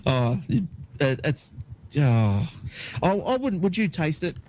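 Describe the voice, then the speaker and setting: A man's voice: on the high side, sing-song, slow, a little mellow. Giggly man reading news. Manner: laughs often, reads items with hesitant fillers. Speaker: podcast co-host. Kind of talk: casual chat, reading news items.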